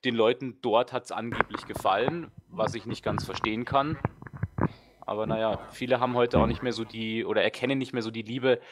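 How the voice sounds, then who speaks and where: A man, a guest let's player, chatting casually and rambling with lots of fillers and strong opinions. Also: mid-range voice. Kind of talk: casual podcast chat.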